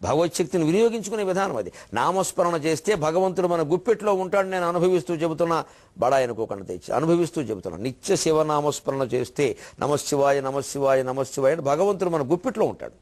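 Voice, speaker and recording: A man delivers a devotional discourse in a voice pitched a little high for a man. He preaches emphatically, working in wordplay and rhetorical questions. He also slips into the voices of the people he quotes. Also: big pitch swings, quick pace, a little mellow. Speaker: spiritual speaker.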